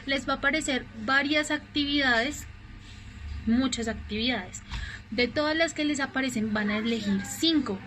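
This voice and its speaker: A woman teaching an English class in Spanish, a native Spanish speaker explaining examples patiently and slowly. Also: high-pitched, fairly bright tone, faint music behind, rough recording. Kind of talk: recorded online class explanation.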